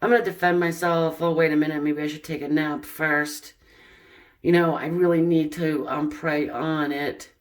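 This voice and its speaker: A woman's voice: low-pitched, fairly even intonation, moderate pace, close to an everyday voice. A woman acting out an indecisive person torn over whether to reach out, second-guessing herself aloud. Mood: dithering.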